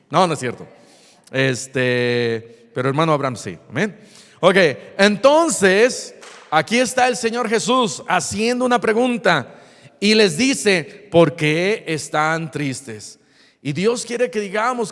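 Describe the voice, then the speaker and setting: Animated high-voiced preacher in echoing hall. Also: male voice. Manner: animated preaching, acts out dialogue. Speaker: pastor. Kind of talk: sermon. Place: church.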